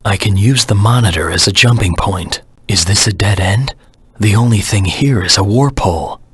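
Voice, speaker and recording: Low, husky, brooding Shadow the Hedgehog. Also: male voice, moderate pace, no echo. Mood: tense, focused. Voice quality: low, husky, gravelly rasp. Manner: grim, terse, dramatic delivery. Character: brooding, vengeful dark anti-hero hedgehog. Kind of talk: video game voice acting.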